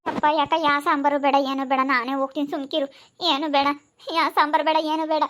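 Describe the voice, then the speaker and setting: A village neighbor woman, played by a woman keeps protesting and pleading in a very high voice. She speaks with a rural central Karnataka accent. The setting is a village comedy skit. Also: level tone, fast, a bit bright. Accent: rural central Karnataka Kannada.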